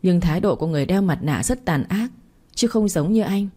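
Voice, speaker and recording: An earnest, grieving young woman pleads in a storybook reading, voiced by a woman. Her voice is low and mellow. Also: animated, fairly quick.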